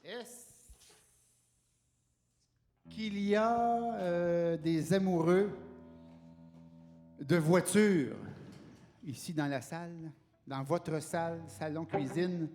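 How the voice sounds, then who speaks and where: A man with a Quebec French accent doing a rambling comic sales pitch for a garage on stage, full of hesitations. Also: very slow, pauses often, a little mellow, soft background music. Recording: long hall reverb.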